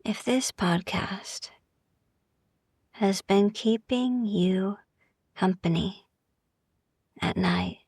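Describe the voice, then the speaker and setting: A sleep meditation podcast host guides listeners in a soft, gentle, soothing ASMR style, hushed and often slipping into whispers with long pauses. Her mid-range voice is slightly rough, recorded in clean studio sound with no echo.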